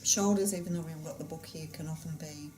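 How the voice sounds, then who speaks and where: A woman leading a tapping therapy demonstration in a class, asking gentle probing questions and affirming often. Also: low voice, steady tone, fast talker, over music. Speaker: EFT practitioner running a class.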